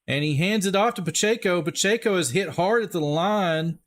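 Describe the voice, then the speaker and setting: A man's voice: high voice, normal speed, fairly bright tone. A man with a Texas accent doing casual live play-by-play for a stream, chatty and upbeat, talking straight to his viewers. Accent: Texan. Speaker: livestream play-by-play host. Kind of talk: live play-by-play commentary with chat shout-outs.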